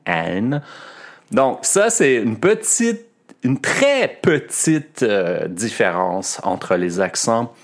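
On his French pronunciation podcast, a man with a voice on the low side explains things patiently. He is a French teacher who repeats words to demonstrate their sounds.

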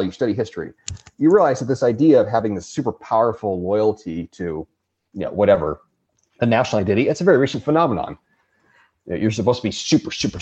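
A man's voice: fairly low pitch, darkish tone. A man who is a podcast guest, talking in a casual conversation and ranting emphatically with a lot of swearing. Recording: dull lo-fi sound.

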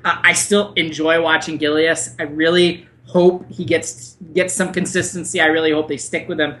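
A man co-hosting a casual podcast with a bright, sharp-edged tone. He breaks down his picks with enthusiasm and blunt opinions. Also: sits high. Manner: enthusiastic, blunt, swears when worked up. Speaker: podcast co-host.

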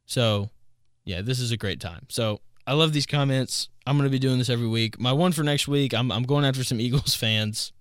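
A man in his twenties talks through a casual solo podcast, clearly amused and breaking into laughs at his own stories. His voice sits at an ordinary middle pitch. The recording is close and dry, with no room sound. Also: fairly quick, dry recording. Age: 20s. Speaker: podcast host.

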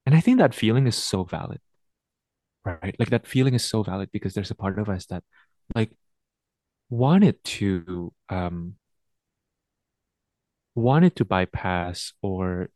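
A man as a podcast guest, speaking in a reflective, measured, thoughtful way. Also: low voice, lively intonation, a little mellow, dry recording. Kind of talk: casual conversation.

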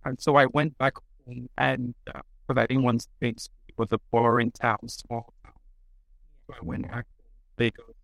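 A man, a podcast guest who speaks in a halting, thoughtful way with many restarts. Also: mid-range voice, level tone, creaky, dry recording, poor audio. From Nigeria. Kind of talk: casual interview.

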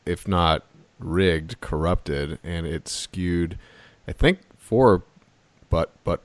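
A man with a very deep voice chats on a podcast. He is hesitant and fills his sentences with "uh" and small restarts. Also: drawn-out words, dry recording. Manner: hesitant, filler-heavy, laughs often. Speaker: podcast co-host. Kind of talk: casual political chat.

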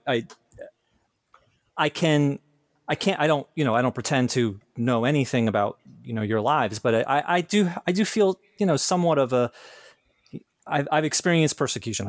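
A man with a medium-pitched voice hosts an interview podcast, searching for his words hesitantly with many restarts and fillers. It's a casual interview conversation, recorded dry with studio quality.

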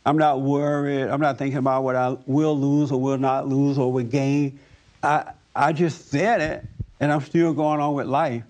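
A man's voice: medium pitch, flat delivery, normal speed, a little mellow. A man hosting an informal preaching discussion, speaking in a folksy, plainspoken way with loose grammar. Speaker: host leading a group discussion. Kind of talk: informal preaching talk with audience questions.

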